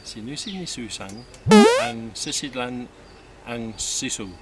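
A British man chatting casually and haltingly trying tongue twisters, repeating unfamiliar words. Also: mid-range voice, sing-song, over loud music. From United Kingdom. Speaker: husband co-hosting a couple's vlog. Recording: noisy home-video recording, loud background noise.

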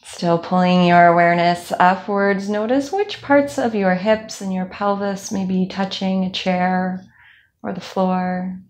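A young woman instructor leading a calm guided body scan meditation, speaking slowly with soft fillers. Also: mid-range voice. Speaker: movement instructor.

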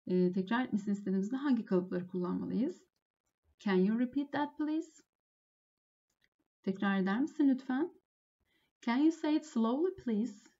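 A woman English teacher giving a lesson, saying each phrase slowly and then translating it. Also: a little high, warm tone, dull audio. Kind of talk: lesson explaining phone phrases.

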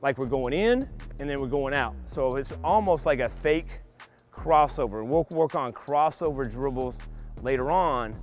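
A man's voice: mid-range voice, lively intonation, a little slow, soft background music. Middle-aged male coach explaining drills patiently. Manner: patient step-by-step explaining to kids. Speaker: basketball coach. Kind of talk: instructional clinic demonstration. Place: large empty indoor basketball arena.

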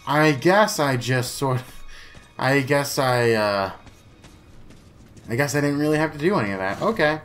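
A man's voice: mid-range voice, measured pace, pauses often, fairly bright tone, soft background music. A man giving casual let's play commentary, chatty and playful, talking to himself and to the enemies on screen. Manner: playful, jokey asides.

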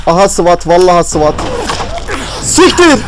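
Young male gamer, high voice, profane mock-anchor delivery, easily rattled. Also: fairly quick, background noise. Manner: excitable, swearing, mock newscaster tone. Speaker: gaming video host. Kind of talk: profane horror game commentary.

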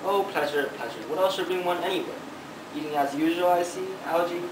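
A young man in his teens acting a breezy, lovestruck gentleman in an amateur play, with formal, exclamatory delivery. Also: high voice, fairly quick, lightly acted. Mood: breezy boredom. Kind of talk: amateur stage-play acting for a student project. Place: large living room, indoors. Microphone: camera a few metres away. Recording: echoey, noisy room from camera distance.

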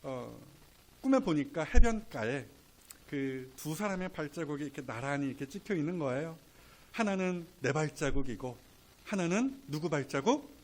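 A male pastor delivers a sermon in a high, very lively voice. He drops to quiet, casual asides, then rises to loud, slow, emphatic lines. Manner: colloquial, playful asides.

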